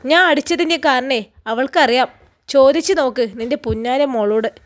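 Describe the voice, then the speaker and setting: A woman's voice: high voice, fairly quick, close to an everyday voice. Stern scolding father, as a woman storyteller reads him. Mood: angry. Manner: harsh and scolding. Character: stern, angry middle-aged father.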